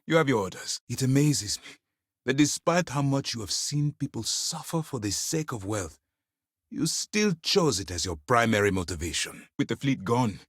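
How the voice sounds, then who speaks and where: For a space video game, an actor voices a stern, principled, middle-aged military commander in dramatic dialogue, formal and measured with firm authority though his pitch is very animated. The mood is grave and firm, and his full character voice is slightly rough. The recording is dry and close, with no room sound or echo.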